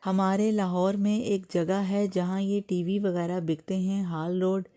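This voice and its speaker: A woman's voice: mid-range voice, flat delivery, mellow, close to an everyday voice. A woman reading as a defiant young student. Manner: defiant, argumentative.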